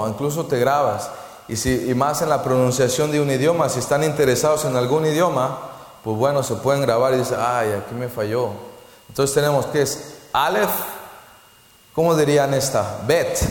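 A man giving a church talk, teaching the Hebrew alphabet in an informal way, often restarting his sentences and leading the group in repeating letters. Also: mid-range voice. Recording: echoey hall with long reverb.

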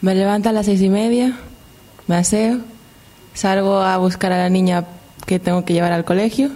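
A woman's voice: medium pitch, steady tone, moderate pace, dark tone. A woman, an elder of the congregation, giving plain and matter-of-fact answers about her daily routine. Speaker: older church member answering questions. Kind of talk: casual answers in a group.

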